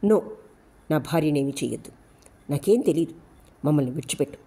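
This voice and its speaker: A woman's voice: deep voice, expressive, fairly quick, warm tone, breathy edge, exaggerated voice. A woman voicing a blinded male police officer who insists and pleads under threat. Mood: pleading.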